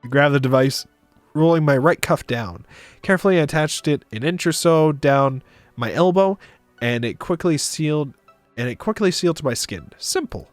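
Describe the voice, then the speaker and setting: Music plays as a man reads through a visual novel on stream, chatting casually between lines. His voice sits fairly high, moves at a normal speed with lively intonation, and has no room sound.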